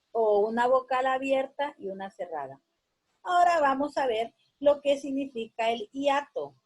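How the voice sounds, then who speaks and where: A woman teaching a grammar class at a slow, deliberate pace. Her voice is fairly high and a little husky. She repeats words and keeps checking that her students are following. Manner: slow, explanatory, repeats words and asks "¿verdad?".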